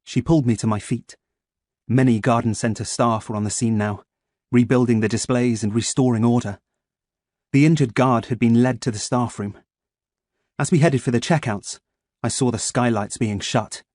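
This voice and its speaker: A man's voice: medium pitch, no room sound. Man narrating an audiobook, dry sound. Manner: measured, expressive storytelling. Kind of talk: first-person audiobook narration.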